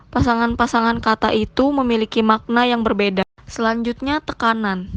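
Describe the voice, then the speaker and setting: A woman teacher reading a scripted lesson in a measured, explanatory way. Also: fairly high pitch, dry recording.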